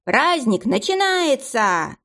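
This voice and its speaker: A woman reading aloud and voicing a foolish male party clown with a shrill, squealing, drawn-out voice. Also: very animated, fairly bright tone, exaggerated voice. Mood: foolish shrieking.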